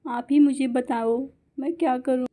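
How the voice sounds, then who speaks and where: A woman's voice: high voice, fairly even intonation, unhurried, dark tone. A woman voicing Gori, a loving mother bird who is upset and tearful. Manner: tearful, pleading.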